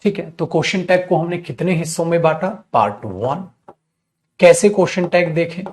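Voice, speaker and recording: A male instructor leads a live online class in a fairly high-pitched, energetic voice, with slight background noise. He asks questions only to answer them himself, calls students "beta," and slowly spells out English example sentences.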